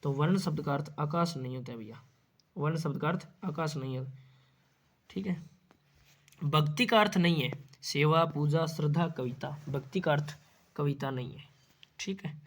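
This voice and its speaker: A man's voice: fairly high pitch, moderate pace, long pauses. A man teaching an exam-prep lesson, asking questions and then answering them himself, repeating key words.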